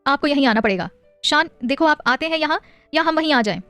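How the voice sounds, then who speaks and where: A woman's voice: high voice, expressive, fairly quick, sharp tone, no room sound, faint music behind, pitched above the performer's own voice. A woman voicing a firm but loving young wife and mother in an audio story, with a teasing, affectionate scolding manner.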